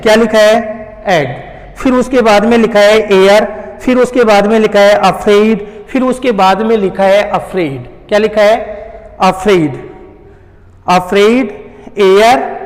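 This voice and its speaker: High-voiced man teaching in an echoey room. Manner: asks questions and answers them himself, repeats key terms. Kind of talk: classroom poetry lesson.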